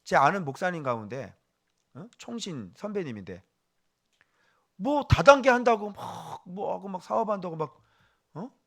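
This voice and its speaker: A male pastor preaching a sermon, animated and firing questions at the congregation, dropping to a hush for asides. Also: high-pitched, moderate pace, pauses often.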